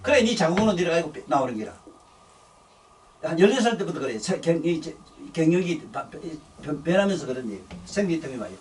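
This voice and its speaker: A man's voice: fairly high pitch, big pitch swings, fairly quick, darkish tone, far from the mic. An older man with a Busan accent, giving a rambling dharma sermon in a blunt, scolding, coarse-spoken way. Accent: Gyeongsang (Busan). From Busan, South Korea. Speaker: Buddhist dharma teacher.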